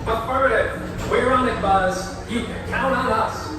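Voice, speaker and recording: A man giving upbeat scripted ride narration over an outdoor loudspeaker. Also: very high-pitched, measured pace, recorded from a distance, over loud music. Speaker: ride announcer. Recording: echoey loudspeaker heard from afar.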